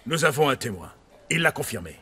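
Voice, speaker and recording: An actor dubbing a telenovela, playing a police officer who states facts formally. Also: male voice, medium pitch, big pitch swings, brisk, bright, forceful tone, slightly rough, exaggerated voice. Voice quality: formal, matter-of-fact. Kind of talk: dubbed telenovela acting.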